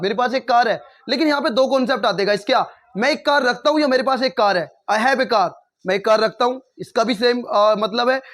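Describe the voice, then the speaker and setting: High-voiced Indian teacher explaining English. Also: male voice, fairly bright tone. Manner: mixes Hindi and English, addresses viewers as guys. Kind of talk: casual spoken English lesson.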